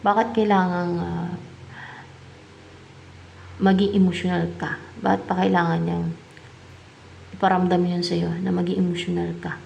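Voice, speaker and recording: A woman's voice: lowish voice, little pitch movement, measured pace, vocal fry, long pauses, darkish tone, slight background noise. A woman with a Filipino accent giving a tarot reading, musing aloud as she asks and answers her own questions. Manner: mixes English tarot terms into her talk. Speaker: tarot reader.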